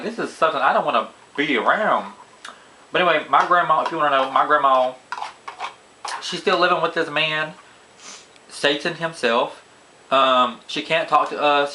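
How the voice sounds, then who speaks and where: A young man telling a casual story to camera, voice jumping up high when he quotes himself. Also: sharp tone, slight background noise, rough recording. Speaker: vlogger. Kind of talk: casual story time while eating.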